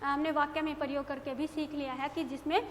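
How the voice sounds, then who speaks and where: A woman's voice: high-pitched, flat delivery, a little fast. A woman teacher giving a grammar lesson to young pupils, often asking questions and answering them herself. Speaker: school teacher. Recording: echoey classroom with long reverb, faint noise.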